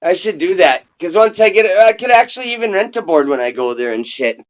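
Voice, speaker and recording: A man's voice: sits high, expressive, fast, poor audio. A man interviewing a guest over a video call, laid-back and rambling, swearing casually. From Minnesota.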